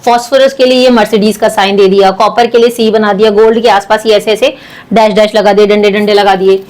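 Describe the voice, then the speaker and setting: A woman's voice: mid-range voice, steady tone, fairly quick, a little mellow. A woman, a science teacher explaining a lesson step by step and calling her students beta. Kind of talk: classroom lecture.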